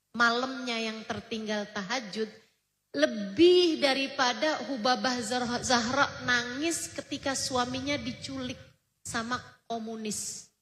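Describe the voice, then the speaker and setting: Brief: woman preacher, high voice, unhurried sermon delivery, hall reverb. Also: a bit bright. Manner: emphatic, addresses listeners directly.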